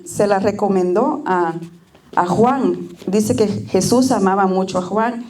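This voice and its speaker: Mellow-voiced woman giving church testimony. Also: mid-range voice. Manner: tender, plainspoken, with frequent hesitations. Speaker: church member giving a reflection. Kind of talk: personal testimony and prayer. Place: church service.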